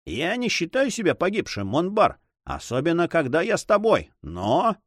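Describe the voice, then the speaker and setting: A man voicing an excitable, easily discouraged male sailor who complains and exclaims. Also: fairly high pitch, normal speed, no echo, clean studio sound, pitched above the performer's own voice.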